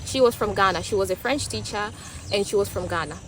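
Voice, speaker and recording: With a mid-range voice, a fast-talking young vlogger from Tanzania shares her thoughts in English, carrying a Tanzanian accent from her Swahili background. The vlog is thoughtful and casual, full of repeated and restarted words, with a little hiss or hum in the recording.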